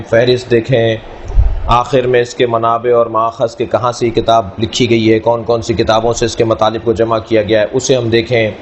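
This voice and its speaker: A man teaching a class, speaking in a measured way, repeating key words and explaining through everyday analogies. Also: mid-range voice, a little hiss or hum. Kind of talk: classroom lecture.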